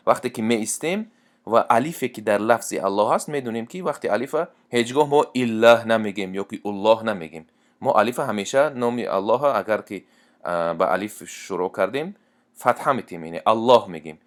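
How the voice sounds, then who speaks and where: A man's voice: on the low side, animated. A man teaching Quran recitation rules, explaining step by step and reciting verse examples. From Tajikistan. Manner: plain explanatory talk, repeats and restarts, then slow drawn-out chanted recitation.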